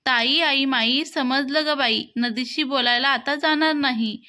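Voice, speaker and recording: A woman voicing a stubborn, playful little girl in a storybook reading, speaking in slow, sing-song rhymes. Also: sits high, pushed and bright. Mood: sulky.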